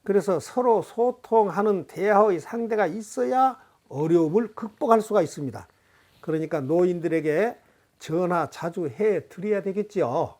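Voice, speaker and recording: A Buddhist monk giving a Dharma talk, teaching in a calm, measured way with everyday examples and asides. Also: mid-range voice.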